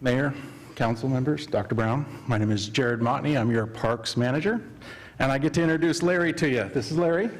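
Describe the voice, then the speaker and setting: A man who manages the city parks introducing a new employee to the council, halting and full of fillers. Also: medium pitch. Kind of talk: formal introduction at a council meeting.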